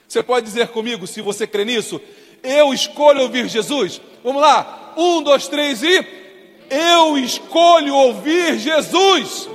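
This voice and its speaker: High-voiced preaching man in a reverberant hall. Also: animated, normal speed. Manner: impassioned, shouting and dropping to soft tones. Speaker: pastor. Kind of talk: sermon. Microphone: streamed to viewers at home.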